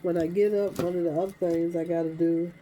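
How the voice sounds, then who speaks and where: An older woman with a stuffy nose talks to herself and her viewers as she sorts boxes and bags for crafts. Her voice sits low and mellow, with a faint hiss of background noise behind her. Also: flat delivery, brisk. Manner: rambling, talking to herself while sorting crafts. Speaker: crafting vlogger. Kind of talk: casual crafting vlog.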